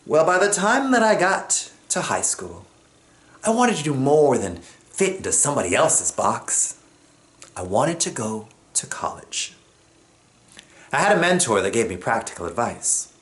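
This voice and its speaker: Telling a personal story on stage, a Jamaican man speaks expressively and plays out other people's lines. He uses a mid-range voice at a measured pace.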